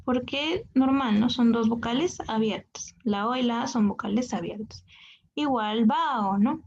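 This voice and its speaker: A woman's voice: a little high, moderate pace, a little mellow, slight background noise. A woman teacher with a Peruvian accent explaining a lesson patiently, checking with "¿no?" after each point. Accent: Peruvian Spanish. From Peru. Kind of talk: explaining grammar to students. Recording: dull lo-fi sound.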